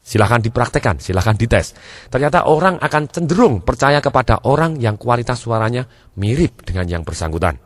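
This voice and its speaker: A man's voice: very animated, brisk, dry recording. A man giving a sales training lesson, acting out examples and shifting his delivery to demonstrate. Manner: demonstrative, acts out examples, shifts pitch and pace to show.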